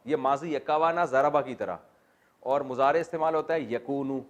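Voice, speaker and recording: Man teaching Quranic Arabic grammar. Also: mid-range voice. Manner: explains step by step and quizzes listeners with questions; recites Arabic verses slowly and drawn out. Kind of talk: classroom lecture.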